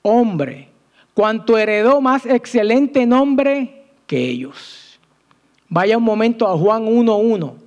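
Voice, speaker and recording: A man preaching a sermon in church, asking the congregation questions and answering them himself, with emphatic swings in pitch and loudness. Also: lively intonation, muffled recording. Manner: slow, emphatic delivery with sudden rises and drops in pitch and loudness.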